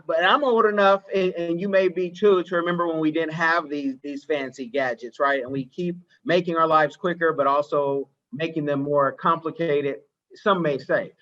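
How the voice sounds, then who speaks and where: A man's voice: on the high side, fairly bright tone. A middle-aged man hosting a podcast interview, talking in a conversational way and asking long, winding questions. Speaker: podcast host. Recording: muffled, dull audio.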